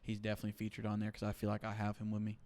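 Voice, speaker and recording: A young man in his twenties speaks as a podcast guest in a low, smooth voice. He keeps a flat, steady delivery while reflecting out loud, and he leans on fillers as he thinks. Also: very fast. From Seattle, USA. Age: 20s. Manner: reflective, with many "like" and "you know" fillers. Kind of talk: casual interview talk.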